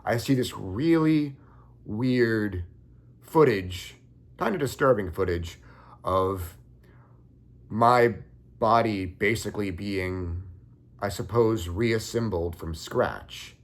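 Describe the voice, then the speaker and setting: Youngish guy with a lowish voice, calm and steady, telling a dream story. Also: slow pace, pauses often. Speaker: occult content creator. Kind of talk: first-person dream account.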